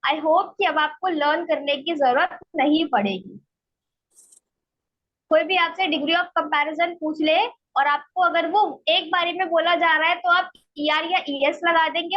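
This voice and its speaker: Female English teacher, very high pitch, slow and patient, keeps checking understanding; muffled online-class sound. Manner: explains step by step, checks understanding with "ठीक है?". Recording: dull lo-fi online class audio.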